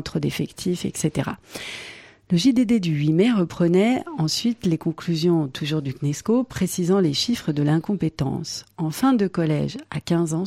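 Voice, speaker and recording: Casting note: dark, gravelly woman reading the press review with dry humor, dry studio sound. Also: sits low, no echo. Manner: wry asides, light laughs. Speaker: radio press review presenter. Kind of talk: scripted press review with asides.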